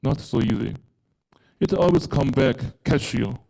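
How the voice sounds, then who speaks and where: Over a low-quality recording, a man from China, a native Mandarin speaker, shares a testimonial about a spiritual program he took part in. He is earnest but halting, very slow, and stops often on filler words, his voice dark, gravelly and full of fry.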